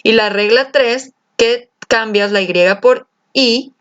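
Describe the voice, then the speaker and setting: Lively teacher woman, lo-fi sound. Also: a little high, slow pace, clean tone. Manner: lively, coaxing, asks the class questions and drags out key words. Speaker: English teacher. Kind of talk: explaining a grammar lesson to students. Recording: slightly dull lo-fi sound.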